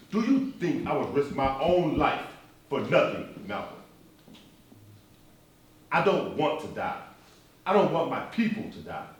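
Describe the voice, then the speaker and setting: Very echoey, distant Martin Luther King played by an actor. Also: fairly high pitch. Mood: impassioned, wounded. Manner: measured, emphatic preacher-like cadence with repetition. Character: earnest, dignified male preacher and nonviolent civil rights leader. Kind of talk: live stage play acting. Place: stage in a reverberant room, recorded from afar. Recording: echoey hall, distant microphone.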